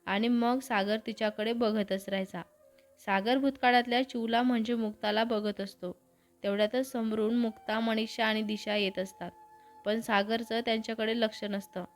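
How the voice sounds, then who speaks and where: A woman narrating a romantic story in a steady storytelling manner. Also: fairly high pitch, normal speed, faint music behind.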